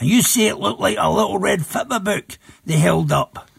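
An actor playing an angry, exasperated office boss with a raspy voice in an audio comedy. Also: male voice, high voice, normal speed, fairly bright tone, dry recording, studio quality, exaggerated voice.

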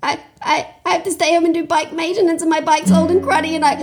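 A woman's voice: flat delivery, fast talker. Woman putting on an eager young girl. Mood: upset. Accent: New Zealand. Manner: breathless, stammering, high and eager. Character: excited young girl who loves bikes.

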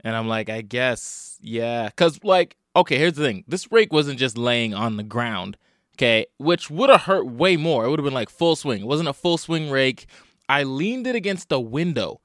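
A man's voice: medium pitch, expressive, moderate pace, no echo, studio quality. A man chatting casually as a solo comedy podcast host, rambling, self-deprecating and sweary, tired and hungover and talking with a swollen, split lip. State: swollen, bruised upper lip. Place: at home in a basement.

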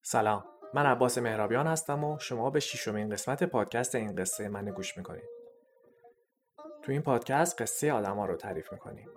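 A man's voice: medium pitch, darkish tone, slight background noise. A man hosting a storytelling podcast, explaining the episode to listeners in a friendly, explanatory way. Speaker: podcast host. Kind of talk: scripted podcast introduction.

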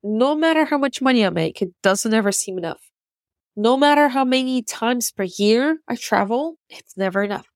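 Her voice fairly high and animated, a podcast host in her thirties, from Ukraine but raised in Russia, muses candidly through a personal monologue at a moderate pace, frequently restarting and using fillers. The studio-quality recording has no room sound.

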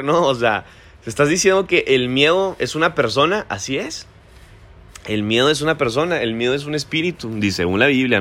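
A man with a Mexican Spanish accent hosting a podcast, giving a casual motivational monologue and often tacking on quick tag questions. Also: mid-range voice, bright, forceful tone.

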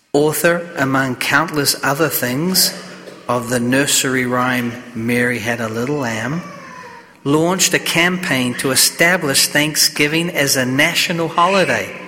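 A clergyman reading the Gospel and preaching a homily at Mass in a measured, solemn way, his voice echoing through a large church. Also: mid-range voice, bright, forceful tone. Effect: cathedral echo, long church reverb. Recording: long echo of a large church.

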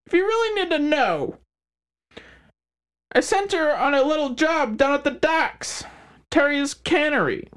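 Squealing sadistic crime boss. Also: male voice, very animated, unhurried, long pauses, fairly bright tone, exaggerated voice. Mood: mocking. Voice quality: high-pitched squealing voice. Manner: mocking, smug and menacing.

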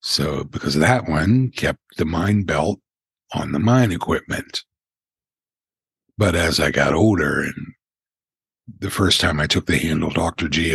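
An older man who hosts a paranormal podcast, telling stories in an unhurried way with asides, in a very deep gravelly voice. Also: fairly bright tone, no room sound. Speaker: podcast host. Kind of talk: paranormal countdown narration.

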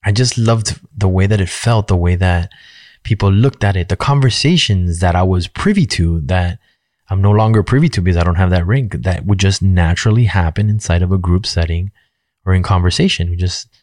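Low-voiced guy in his 40s, candid rambly monologue, dry close sound, cusses casually. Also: a little fast, darkish tone, dry recording. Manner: rambling, frank, swears casually, many fillers.

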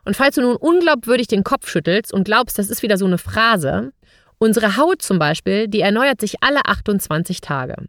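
A woman's voice: mid-range voice, expressive, normal speed, a bit bright, no echo, clean studio sound. A woman hosting a podcast, speaking straight to the listener in a scripted monologue full of rhetorical questions. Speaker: podcast host.

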